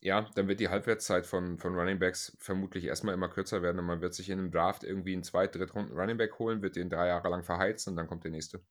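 A man's voice: low voice, fairly even intonation, fast, hardly any pauses. A man hosting a casual sports podcast, talking through the news in a conversational, explanatory way. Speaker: podcast host. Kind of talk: casual chat.

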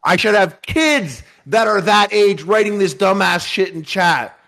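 A man's voice: high voice, lively intonation, measured pace, vocal fry, sharp tone. Joking, rambling man in his thirties. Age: 30s. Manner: joking, rambling, self-mocking. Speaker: guest on a voice call. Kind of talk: casual chat. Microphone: online voice call.

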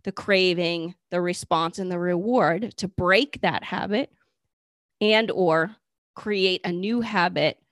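A woman's voice: on the low side, dry recording, studio quality. A woman co-hosting a talk show, explaining ideas in a conversational way. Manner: frequent affirming "mm-hmm" and laughs. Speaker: podcast co-host.

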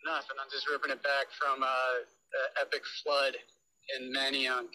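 A man's voice: medium pitch, flat delivery, pushed and bright, poor audio. Older man over a speakerphone. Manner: halting, with many "uh"s, plain-spoken. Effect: heard over a phone on speakerphone. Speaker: caller, host's father. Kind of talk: casual phone call.

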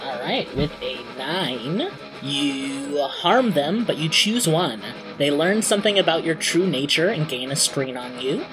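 A man's voice: on the high side, animated, measured pace, low-quality recording. A man working as game master, narrating scenes and explaining rules casually. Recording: music playing behind the voice. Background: background music.

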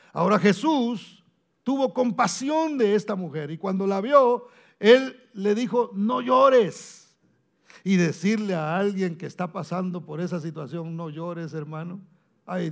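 A male pastor preaching a sermon, calling listeners brother, repeating phrases for emphasis and swinging from loud to hushed. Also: high voice, gravelly.

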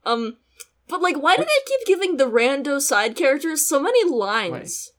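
A woman's voice: high voice, very animated, moderate pace. Giggly sarcastic woman podcaster. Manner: giggly, sarcastic, swears casually. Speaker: podcast co-host. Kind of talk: casual chat recapping an anime episode.

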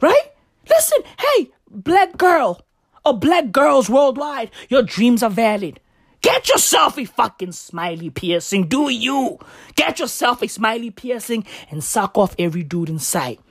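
A woman on a profane comedic rant with frat-bro slang, swinging between shouts and low asides and often checking in with short tag words. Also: animated, unhurried, husky, no room sound, clean studio sound. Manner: frat-bro slang delivery, repeated "bruv", "right?" and "legit".

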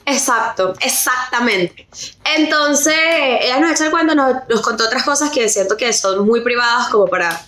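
High-voiced Venezuelan woman telling a story. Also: normal speed. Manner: animated, mixes in English words. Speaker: podcast co-host. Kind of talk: casual storytelling chat. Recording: roomy echo.

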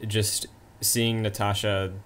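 A man's voice: on the low side, level tone, slow pace, a bit bright, smooth. A man co-hosting a casual movie review chat, talking in long, rambling asides. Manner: chatty, trailing asides. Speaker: podcast co-host.

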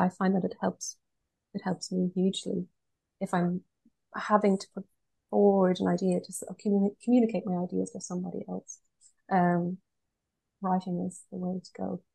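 A woman with a west of Ireland accent in conversation as an interview guest. Her voice is mellow and husky with some creak, and she answers in a thoughtful, practical way. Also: on the low side, poor audio. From Galway, west of Ireland. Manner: thoughtful, pragmatic. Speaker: interview guest, art curator.

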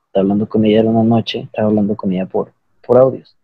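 A man's voice: fairly low pitch, steady tone, very fast, slightly rough, narrow, tinny audio. A young man with a Mexican accent telling a rambling, slangy, self-mocking story to friends on a call.

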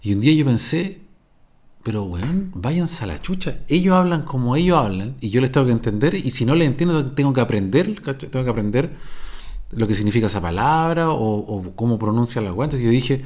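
With lively intonation and a fairly quick, slightly mellow mid-range voice, this middle-aged man hosts his podcast. He's from Viña del Mar, speaks with a Chilean Spanish accent, and rambles through an improvised, digressive monologue packed with slang and swearing.

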